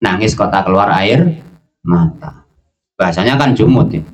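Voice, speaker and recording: A man's voice: on the low side, moderate pace. Man teaching a religious text lesson. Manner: lively teaching with local dialect words and repetitions. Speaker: kitab teacher at an Islamic boarding school.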